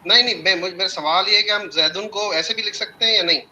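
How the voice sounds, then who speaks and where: Male student on a video call, polite questioner, high bright voice, echoey sound. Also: lo-fi sound, a little hiss or hum. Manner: polite, asks questions with apologies. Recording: echoey online call audio.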